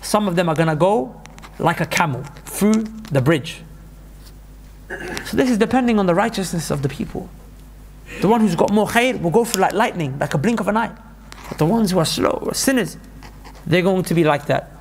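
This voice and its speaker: A man's voice: high voice, expressive, moderate pace, pauses often, a little hiss or hum. A man giving an urgent, emphatic sermon, repeating points for stress. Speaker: preacher.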